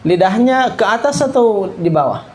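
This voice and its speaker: A man teaching Quran recitation rules to children in a classroom lesson, slowly repeating syllables for them to copy. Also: sits high, lively intonation, noisy background.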